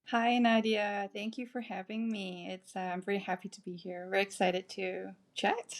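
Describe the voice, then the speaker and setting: A woman's voice: medium pitch, flat delivery, moderate pace. Chatty woman composer from Malaysia. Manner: chatty, laughs often, frequent restarts. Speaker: guest composer. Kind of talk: casual interview.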